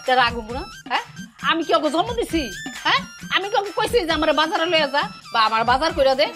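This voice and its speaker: An actress playing a quick-tempered, scolding middle-aged mother. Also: sing-song, over music. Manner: scolding, shrill, ranting.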